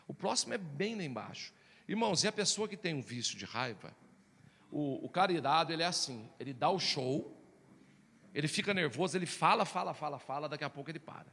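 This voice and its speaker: A man preaching a sermon as a pastor, telling personal stories in a lively, animated way and calling out to the congregation as brothers. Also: on the high side, gravelly. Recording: reverberant hall.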